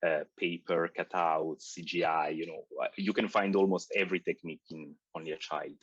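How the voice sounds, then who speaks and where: Low, husky man with Swiss Italian accent. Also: steady tone, a little fast, no room sound, lo-fi sound. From Italian-speaking Switzerland. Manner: hesitant, many restarts and fillers. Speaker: film director. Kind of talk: interview. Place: United Kingdom.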